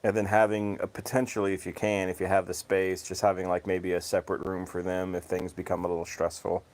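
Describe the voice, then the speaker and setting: A man hosting a casual livestream with his cats, chatting easily and reading out viewers' comments in a self-described monotone voice. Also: low voice, fairly quick. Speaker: livestream host. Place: home, cats outdoors.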